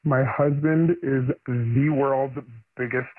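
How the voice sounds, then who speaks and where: A woman calling in to a radio show, her voice pitched down deep by a voice changer. She talks in a chatty, playful way as she builds up to a confession. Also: fairly even intonation, slow, no echo. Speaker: anonymous caller. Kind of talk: casual radio call-in chat. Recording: tinny phone line with crowd noise.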